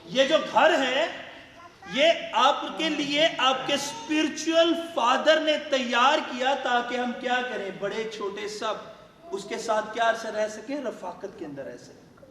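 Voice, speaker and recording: A male pastor preaching a fervent sermon. He keeps asking the congregation questions and suddenly shouts certain words for emphasis. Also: very high voice. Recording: echoey hall, voice far from the mic.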